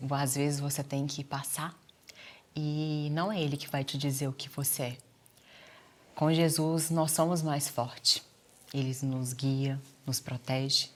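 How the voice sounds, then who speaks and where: Female guest from Brazil, low voice, earnest faith testimony with scripture quotes. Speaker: guest, nurse.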